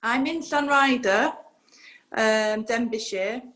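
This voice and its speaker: A woman's voice: fairly high pitch, takes it slowly, a bit bright. A woman, speaking as an interview guest with many hesitations. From North Wales. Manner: hesitant, many ums and restarts. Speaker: guest physiotherapist. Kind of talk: conversational interview.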